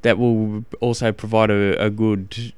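A man with an Australian accent giving casual coaching advice as a podcast host, halting and often repeating phrases as he explains. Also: on the low side, level tone, darkish tone, clean tone, no room sound.

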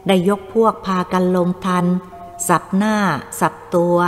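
A woman reading a story aloud in an even, measured storytelling manner. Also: lowish voice. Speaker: audiobook narrator. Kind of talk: scripted story narration. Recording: long reverb with faint music.

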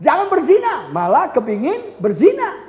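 Animated preacher man in an echoey hall. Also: very high voice, normal speed. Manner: animated, acts out quotes, jokes with the audience. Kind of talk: lively sermon. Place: church retreat hall.

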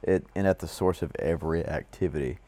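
A man's voice: low-pitched, a little fast, warm tone. A man co-hosting a casual faith discussion, rambling with lots of fillers. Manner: rambling, full of "you know" fillers. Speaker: co-host.

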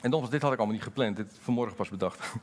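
A middle-aged man preaching a sermon as pastor, lively and candid, moving between loud emphasis and quiet, halting personal asides. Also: fairly low pitch. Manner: candid, halting storytelling with fillers.

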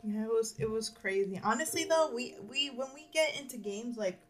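A young woman chatting casually about games with friends, telling stories in an excitable, animated way. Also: on the high side, moderate pace, soft background music. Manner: excitable, animated storytelling with acted quotes. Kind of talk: casual chat about gaming.

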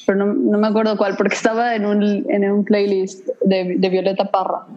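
A woman's voice: mid-range voice, little pitch movement, moderate pace, warm tone, muffled recording. A woman from Mexico City with a Mexico City accent, talking casually and thoughtfully about her studies and interests, with many hesitant fillers. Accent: Mexico City Spanish. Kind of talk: casual conversation.

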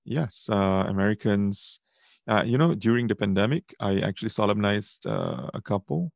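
A man's voice: on the low side, normal speed, creaky, no echo, clean studio sound. A man from Singapore with a Singaporean accent, hosting a conversational podcast. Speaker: podcast host.

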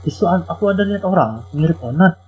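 Man, slightly high voice, animated storyteller, casual podcast chat. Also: fast talker, slightly rough, soft background music. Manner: animated storyteller, laughs while telling.

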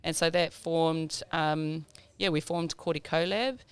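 A woman's voice: low voice, steady tone, a little slow, clear, resonant tone, dry recording. A woman in her thirties with a South Auckland Māori New Zealand accent, chatting informally as a podcast guest and mixing te reo Māori words into English. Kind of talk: casual interview chat.

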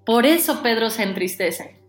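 A woman preaching a sermon, animated, acting out the dialogue in a lowered voice. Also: normal speed, roomy sound, soft background music.

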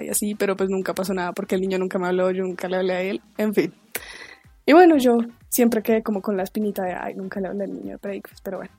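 A woman in her twenties with a Colombian accent, hosting a casual storytelling podcast in a chatty, slangy way and acting out quotes in a higher voice. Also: a little mellow, no echo. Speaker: podcast host.

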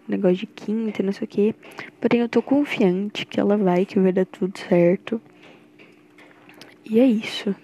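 A young Brazilian woman with a Brazilian Portuguese accent leaves a rambling, nervous, affectionate voice message for her girlfriend. Her mid-range voice is warm with some vocal fry, and the recording has its highs cut off.

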